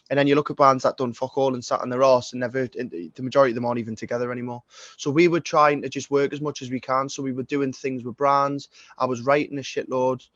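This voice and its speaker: A man's voice: mid-range voice, a bit bright, dry recording, lo-fi sound. A man in his twenties with a Geordie accent, a singer-songwriter talking as a podcast guest in a casual, rambling way, full of swearing and restarts. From Northeast England. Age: 20s.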